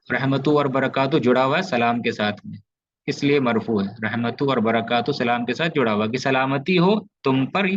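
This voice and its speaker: Patiently explaining Arabic grammar in an online class, this Indian teacher regularly checks whether his students understand. His voice has a medium pitch and a fairly bright tone, though the recording is muffled.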